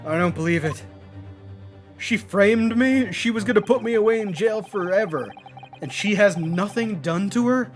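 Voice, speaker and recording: Young male game student, played by a male reader: stammering, incredulous, excitable, raised pitch, light music behind. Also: normal speed. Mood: indignant.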